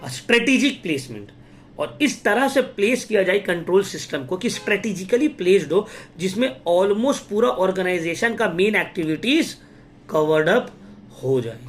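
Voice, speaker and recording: A man's voice: sits high, normal speed, slight background noise. A young man from India, lecturing students on business studies and using English terms and small acted examples. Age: young adult. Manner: lively, talks straight to students with Hinglish terms and acted examples. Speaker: teacher. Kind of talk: exam-prep lecture.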